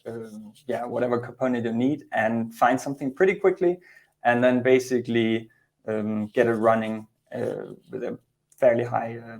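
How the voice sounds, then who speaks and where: A man in his thirties from Denmark, a Go developer, speaks at a conference via video call from an indoor room. His informal lightning talk is conversational and a bit hesitant, delivered in a medium-pitched voice with a darkish tone.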